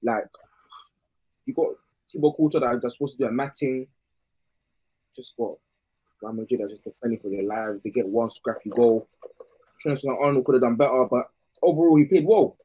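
A man's voice: medium pitch, moderate pace, long pauses, mellow, breathy edge, dull audio. A young man with a London accent giving casual, slangy football analysis as a podcast panellist.

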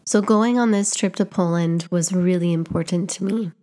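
A young Canadian woman, a vlogger and teacher, speaks earnestly to camera in a reflective personal monologue. Her voice is fairly low and mellow at normal speed, and she often restarts and repeats words while searching for what to say.

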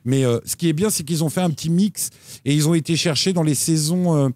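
A man co-hosting a casual chat show about TV and streaming picks, talking in an animated way with lively jumps in pitch. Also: a little fast. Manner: animated, lively pitch swings, frequent restarts. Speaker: co-host recommending TV shows.

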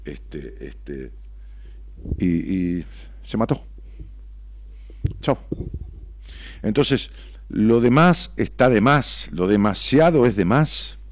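A man's voice: on the low side, very animated, drawn-out words, long pauses. A man with an Argentine accent, a therapist hosting a radio talk show, who talks in a heated way, fires rhetorical questions and swears freely. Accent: Argentine Spanish.

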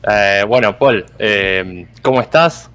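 A man's voice: on the low side, a little slow, fairly bright tone. A man who is a native Spanish speaker, hosting an interview podcast politely. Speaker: podcast host.

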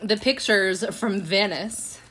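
A woman's voice: medium pitch, slow, fairly bright tone, slightly rough. A woman co-hosting a casual chat over a meal, playful and teasing, laughing often and using slangy phrasing. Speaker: co-host. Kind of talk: casual chat while eating.

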